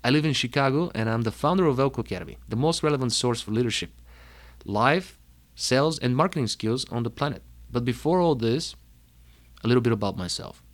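A young man from Bulgaria with a Bulgarian accent, telling his life story in an emphatic, energetic way and listing words one by one. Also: mid-range voice, fairly quick. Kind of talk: personal talk.

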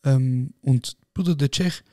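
A man with a Swiss German accent, co-hosting a podcast and telling animated stories in slangy casual chat. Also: mid-range voice, takes it slowly, no room sound, clean studio sound. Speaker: podcast co-host. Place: podcast studio.

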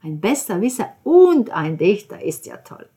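A woman's voice: medium pitch, big pitch swings, moderate pace, dark tone, husky. A woman voicing a curious young woman who asks teasing questions. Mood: playful.

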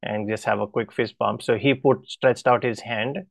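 Gravelly-voiced man giving a testimony. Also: medium pitch, fairly even intonation, dry recording. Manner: earnest, halting storytelling with restarts. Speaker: preacher. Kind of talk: personal testimony in a sermon.

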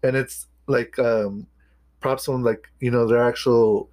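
A man's voice: medium pitch, fairly even intonation, a little slow, a little mellow. A young man co-hosting a casual podcast, rambling with many restarts and laughing often. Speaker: podcast co-host. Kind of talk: casual chat.

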